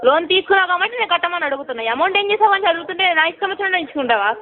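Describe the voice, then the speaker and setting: A woman's voice: very high voice, lively intonation, rapid-fire. A woman working as a loan recovery agent, scolding and demanding payment in a heated phone argument. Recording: tinny phone line.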